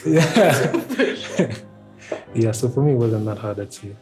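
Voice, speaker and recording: A man's voice: medium pitch, very animated, slow, darkish tone, faint music behind. A man of twenty-two chatting as a guest, easygoing and laughing as he talks. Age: 20s. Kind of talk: casual chat.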